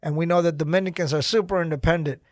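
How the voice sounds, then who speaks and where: Energetic middle-aged man, dry studio sound. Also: on the high side, quick pace, no room sound. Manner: energetic, gestures while talking. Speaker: guest, nonprofit founder. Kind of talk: podcast interview. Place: small podcast studio. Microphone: studio mic on boom arm.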